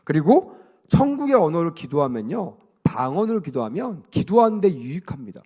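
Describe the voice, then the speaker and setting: Male pastor preaching to children in church, high-pitched and very animated, lots of questions. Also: normal speed, breathy edge. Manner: animated call-and-response, leads kids in reading aloud; asks the children frequent questions. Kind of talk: children's sermon at vacation Bible school.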